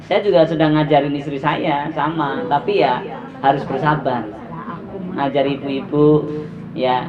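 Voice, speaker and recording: Emphatic man preaching, dull lo-fi sound. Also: high voice. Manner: emphatic, rhetorical questions to the audience. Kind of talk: sermon to a women's study group. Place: mosque study gathering. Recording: dull lo-fi recording with crowd.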